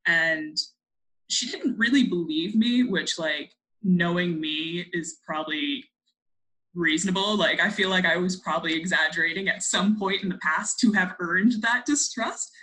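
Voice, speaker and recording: A woman's voice: fairly low pitch, normal speed, sharp tone, rough recording. A young woman telling a childhood story as a podcast guest, giggly and self-deprecating. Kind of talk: casual storytelling chat.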